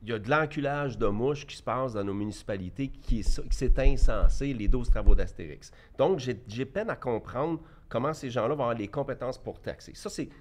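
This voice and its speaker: A Québécois entrepreneur in his fifties, guesting on a debate interview, gives blunt opinions and often restarts his sentences. He speaks a little fast with few pauses, in a medium-pitched voice and a Quebec French accent.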